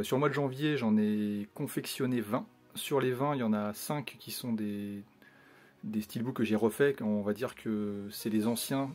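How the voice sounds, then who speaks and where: A man's voice: medium pitch, darkish tone. A man casually presenting his homemade collection in a chatty, rambling way, with many fillers and restarts. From France. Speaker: steelbook collector vlogger.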